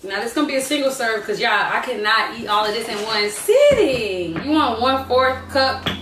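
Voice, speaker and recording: A woman's voice: on the high side, sing-song, normal speed, background noise. A young woman in her twenties chatting playfully and slangily while she cooks in her home kitchen, recorded by a camera across the counter. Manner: chatty, playful, slangy, sing-song asides. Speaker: cooking vlogger. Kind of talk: casual cooking vlog chat. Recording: roomy kitchen audio from a distance, music behind. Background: loud background music.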